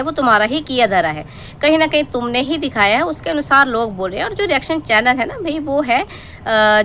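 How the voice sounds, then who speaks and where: Woman, fairly high voice, scolding, sarcastic, roasting commentary, faint background hum. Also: a bit bright. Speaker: YouTube reaction commentator.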